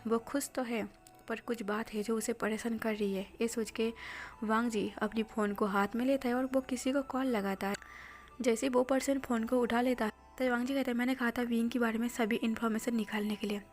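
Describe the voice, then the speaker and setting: A woman reading a fan-fiction story aloud, her narration soft and often half-whispered. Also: a little high.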